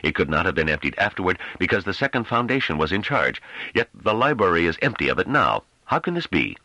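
A man reading an audiobook, voicing a male councillor who argues in a grave, measured and sardonic way. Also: sits low, sing-song, sharp tone, dry recording, pitched above the performer's own voice, exaggerated voice, low-quality recording. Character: calm sardonic male councillor defending himself.

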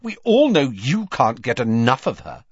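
A man's voice: mid-range voice, huge pitch swings, normal speed, slightly rough, no echo, lo-fi sound. A man voicing a sulky teenage girl who speaks in a snappy, sly way.

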